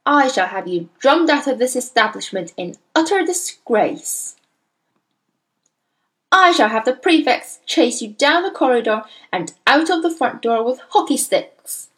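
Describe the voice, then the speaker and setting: A woman's voice: sits high, animated, unhurried, a bit bright, pitched above the performer's own voice. A woman voicing an enraged, tyrannical headmistress in a storybook, bellowing venomous insults and bullying threats. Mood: furious, contemptuous.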